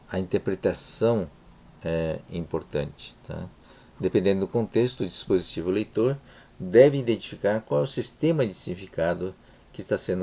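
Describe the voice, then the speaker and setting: Brazilian lecturer, deep gravelly voice. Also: male voice, dark tone. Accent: Brazilian Portuguese. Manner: unhurried, frequent "tá?" and "né?" check-ins, many restarts. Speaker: university lecturer. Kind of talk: recorded lecture over slides.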